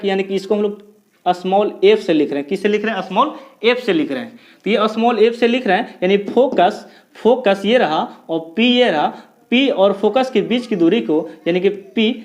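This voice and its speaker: A man giving a physics lesson, who keeps asking the class questions, answers them himself, and repeats key terms slowly. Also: high voice. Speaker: physics teacher. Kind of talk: blackboard lecture.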